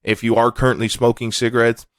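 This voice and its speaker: A man's voice: mid-range voice, little pitch movement, fast talker, dry recording. A man hosting a podcast, talking alone in a candid, laid-back way and swearing casually. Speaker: podcast host. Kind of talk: casual monologue.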